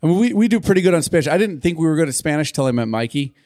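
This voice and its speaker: A man's voice: fairly high pitch, sing-song, rapid-fire, darkish tone. A man hosting a casual family conversation, asking questions and telling stories. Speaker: host of a family conversation show. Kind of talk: casual chat.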